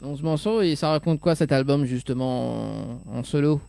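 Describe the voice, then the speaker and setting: A man's voice: medium pitch, moderate pace, vocal fry, mellow, clear, resonant tone, no echo. A man hosting a radio show, asking a guest questions in an easygoing way. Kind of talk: interviewing a guest.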